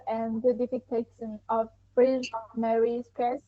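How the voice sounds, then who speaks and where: A woman student introducing her presentation in slow, broken phrases. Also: on the high side, flat delivery, dry recording. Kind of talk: class presentation. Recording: muffled, dull recording.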